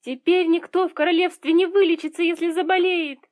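A woman's voice: very high-pitched, steady tone, brisk, darkish tone, voice pushed up. A woman voicing a bold young girl who cries out with determination. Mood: determined. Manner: crying out boldly.

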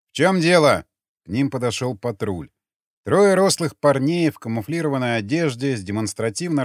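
A man narrating an audiobook in an expressive reading. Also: mid-range voice, dry recording, clean studio sound. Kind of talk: scripted narration.

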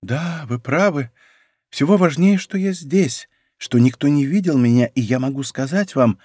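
A sorrowful young noble marquise, as a male reader puts her on, speaking softly with a faint bitter edge. The voice sits close and dry against a studio microphone, hushed rather than raised. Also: fairly high pitch, moderate pace, slightly rough, no echo. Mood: wistful. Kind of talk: audiobook character reading.

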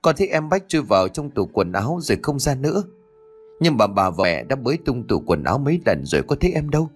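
A man voicing a frightened, tearful little boy, who speaks in a high, pleading, sobbing voice. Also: very animated, fast, husky, faint music behind. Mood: scared.

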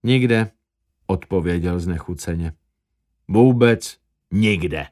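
Audiobook: male reader as shy, touchy young man, hushed and curt. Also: low voice, voice pushed down. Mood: curt sulky.

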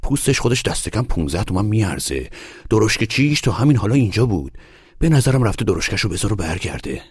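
A man voicing a burly, gruff driver-type with a husky, blunt delivery. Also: fairly low pitch, big pitch swings, a little mellow, dry recording, studio quality, pitched above the performer's own voice, exaggerated voice.

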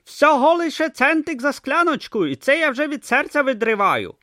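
A man's voice: very high voice, sing-song, moderate pace, pushed and bright, no echo, studio quality, pitched above the performer's own voice, exaggerated voice. A man voicing a shifty male street vendor with oily, coaxing sales patter in an audiobook.

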